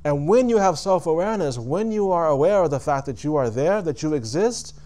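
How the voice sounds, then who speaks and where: A man's voice: fairly high pitch, animated, warm tone. A man giving a reflective religious lecture to a live audience, talking conversationally, putting questions to listeners and stopping to rephrase. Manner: deliberate, stops to rephrase.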